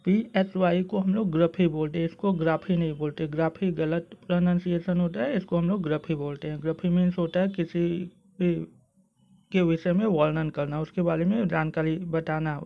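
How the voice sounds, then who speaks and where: A teacher with an Indian English accent takes learners through a pronunciation lesson, sounding words out slowly, one syllable at a time. The speech is patient and hesitant, with fillers between phrases. The recording was made on a phone and sounds slightly dull. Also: mid-range voice, fairly even intonation, vocal fry. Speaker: online teacher.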